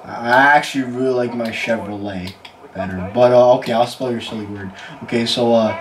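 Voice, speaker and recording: A man's voice: mid-range voice, normal speed. A young American man bantering casually with a friend, teasing and playing dumb. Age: young adult. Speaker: contestant in a pronunciation challenge. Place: small bedroom. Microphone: camera a few feet away. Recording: roomy, distant mic with clear background noise.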